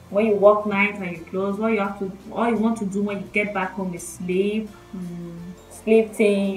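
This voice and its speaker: A young Nigerian-accented woman telling a personal story casually to camera, with R's she doesn't pronounce clearly. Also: medium pitch, darkish tone. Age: young adult. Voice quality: cannot pronounce R's well. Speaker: vlogger. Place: small bedroom indoors. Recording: roomy echo, faint music behind. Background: faint music.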